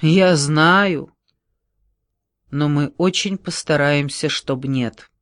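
A man reading an audiobook, voicing a gentle, flustered giant of a man who speaks slowly and hesitantly. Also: on the high side, dry recording. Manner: slow, hesitant, breathless delivery.

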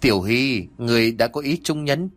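A man's voice: mid-range voice, fast talker, close to an everyday voice. A man voicing a fierce, proud young swordswoman who speaks coldly and scornfully, in a storybook reading. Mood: shaken. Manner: cold, scornful, shouting in anger.

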